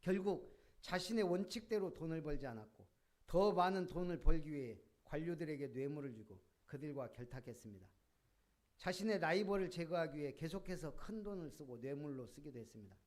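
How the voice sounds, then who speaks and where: Animated Korean pastor preaching. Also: male voice, a little high, a little fast. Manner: lively preaching with rhetorical questions and bursts of emphasis. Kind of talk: sermon. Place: church.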